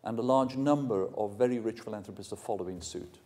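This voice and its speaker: Inside a big, ornate hall, a university lecturer from Wales, a man in his sixties, gives a plain-spoken, frank public lecture and answers the audience's questions. He has a warm, lowish voice and speaks a little fast.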